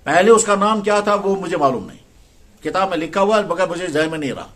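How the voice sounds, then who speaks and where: High-voiced man telling a religious story. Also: a bit bright. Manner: tells stories with quoted dialogue, conversational. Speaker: Islamic scholar.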